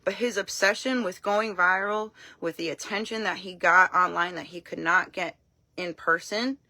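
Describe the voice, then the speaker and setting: Blunt, forceful woman telling a story. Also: lowish voice, normal speed, no room sound. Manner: animated storytelling, acting out quoted dialogue; frank and blunt. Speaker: live-stream host. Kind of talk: casual talk to camera.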